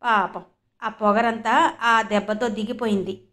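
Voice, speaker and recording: A storyteller voices a scornful, sharp-tongued young woman who spits out mocking taunts in a bright, high register. Each line is louder and higher than the plain narration around it, steady in tone and a little slow. It plays as a storybook character acted with open contempt.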